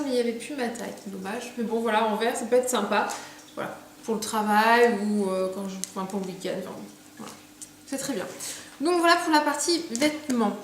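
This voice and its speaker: A young woman chatting casually about her purchases, full of fillers and restarts, recorded at home. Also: a little high. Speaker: beauty vlogger. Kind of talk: casual haul video chat. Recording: echoey room, faint background noise.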